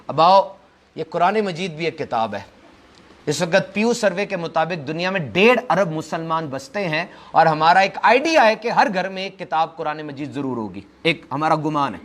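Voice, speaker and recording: A man's voice: high-pitched, a bit bright. A young man giving a motivational lecture to a live audience, firing off lists and rhetorical questions and mixing in English phrases. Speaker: motivational speaker.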